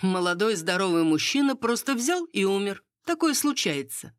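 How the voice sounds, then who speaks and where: A woman reading the part of a knowing court lady who passes on rumors in a hushed, conspiratorial, bitter way. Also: mid-range voice, big pitch swings, normal speed, no echo, clean studio sound, voice pushed up, natural voice.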